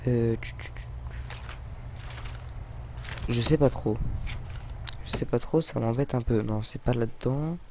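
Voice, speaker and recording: A young man talks through a game he is building in, slow and unhurried, stopping often with fillers and quiet asides to himself. His voice sits at an ordinary middle pitch. A clear hiss of background noise runs under the home recording. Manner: hesitant, many fillers, muttering to himself while building. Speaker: gaming video host. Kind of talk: casual let's-play commentary.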